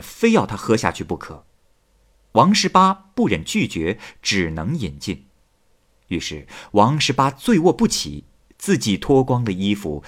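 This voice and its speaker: A male storyteller narrating a classic tale with dramatic, expressive delivery. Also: husky. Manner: highly expressive, dramatic rise and fall.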